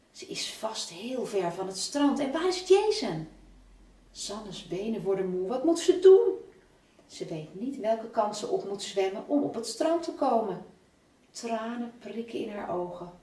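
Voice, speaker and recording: A woman from the Netherlands reads a children's story aloud, measured and expressive, her pitch moving a lot. She sits back from the mic in an echoey room. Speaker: children's author. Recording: roomy, from a distance.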